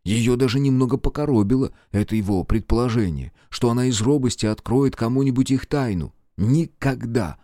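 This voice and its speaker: A man narrating an audiobook in a measured storytelling manner. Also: mid-range voice, dark tone, no echo, clean studio sound. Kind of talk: scripted narration.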